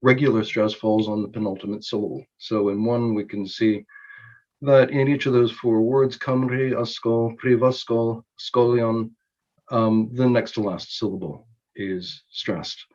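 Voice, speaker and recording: A man with a somewhat low voice presents an academic conference talk. He explains his points in a measured way, with frequent ums and small restarts. The recording is dull and lo-fi. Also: darkish tone.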